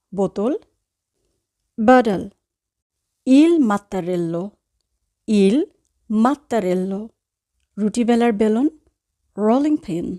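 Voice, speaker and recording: Bengali-accented lady teaching words really slowly, says each one twice then translates, soft dark voice. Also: mid-range voice. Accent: Bangladeshi Bengali. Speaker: language teacher. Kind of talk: slow vocabulary lesson.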